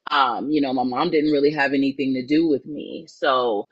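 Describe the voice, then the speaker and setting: A woman from New Orleans, a spiritual life coach, telling her life story in an earnest, reflective way with many pauses and ums. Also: rumbling low, steady tone, slightly rough, no room sound, dull audio. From New Orleans, Louisiana. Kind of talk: personal storytelling in an interview.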